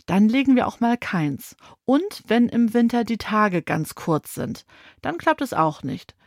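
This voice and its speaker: Brief: proud talkative hen from a children's audio story, voiced lightly by a woman narrator, matter-of-fact and a touch higher. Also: animated, measured pace, darkish tone, no echo, studio quality. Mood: explaining. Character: proud chatty adult hen.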